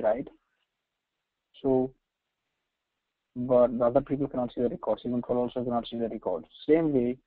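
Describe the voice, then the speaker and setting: An Indian-accented man with a mid-range voice runs a screen-share software tutorial, going step by step. His teaching is halting and repetitive, sprinkled with short checks like "right" and "okay." The audio carries a roomy echo and a slightly dull lo-fi tone.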